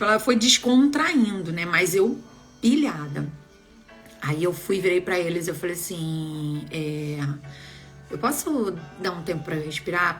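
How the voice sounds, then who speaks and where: A young adult woman, casually telling viewers a personal story in an animated, expressive way. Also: lowish voice. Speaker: vlogger sharing a personal story.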